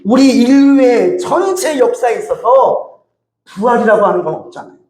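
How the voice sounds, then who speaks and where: A high-voiced male pastor preaching in an echoey church, his pitch swinging widely. He acts out pleading prayers as he goes, in a lively, animated way. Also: moderate pace. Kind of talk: sermon. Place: church sanctuary.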